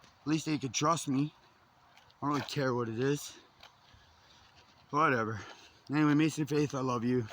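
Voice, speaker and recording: A man's voice: medium pitch, moderate pace, long pauses, a bit bright, a little hiss or hum. A man rambling in a vlog, agitated, swearing often and jumping between thoughts, recorded outdoors on a phone. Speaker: vlogger. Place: outdoors in a yard.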